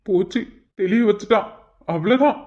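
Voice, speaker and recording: A man's voice: sits high, normal speed, a little mellow, natural voice. A man voicing a teasing young husband and father in a cartoon, chatty and full of joking asides. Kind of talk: cartoon voice acting. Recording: dull lo-fi recording.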